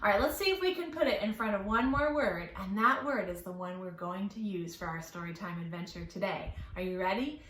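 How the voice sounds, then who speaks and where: A woman with a mid-range, somewhat bright voice leads a children's storytime lesson with songs and questions, moving fairly quickly with few pauses. She's playful and encouraging, enunciating in a careful, exaggerated way for little ones, and the room echoes.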